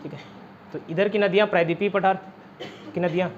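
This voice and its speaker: High voiced chhattisgarh hindi guy teaching exam prep, chatty, lots of memory tricks, kinda dull lo-fi sound. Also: fairly even intonation, brisk, slight background noise. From India. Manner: chatty, repeats "theek hai", quizzes students with mnemonics. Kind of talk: online exam-prep lesson.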